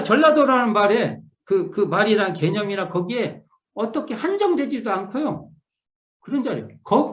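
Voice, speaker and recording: A middle-aged man, a minister, gives an online scripture lecture, repeating key words and restarting often as he muses through his explanation. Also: high voice. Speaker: Won Buddhist minister teaching scripture. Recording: echoey room, dull lo-fi sound.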